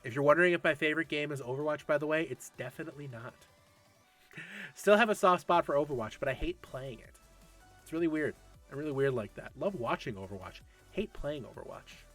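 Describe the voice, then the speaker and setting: A man's voice: a little high, lively intonation, fairly quick, a bit bright, faint music behind. Chatty man in his thirties hosting a stream. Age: 30s. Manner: chatty, answers chat questions, laughs often. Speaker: esports league host. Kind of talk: casual livestream Q&A.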